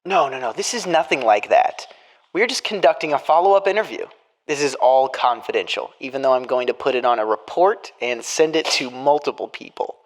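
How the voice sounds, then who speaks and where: A man's voice: mid-range voice, lively intonation, brisk, a little hiss or hum, voice pushed down, close to an everyday voice. A man reading the part of a formal prison interviewer in a murder mystery game, sticking to scripted questions. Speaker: podcast host.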